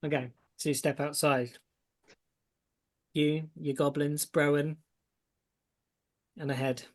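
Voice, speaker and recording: A man improvising narration as game master of a tabletop role-playing game, in a halting, descriptive way. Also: on the high side, flat delivery.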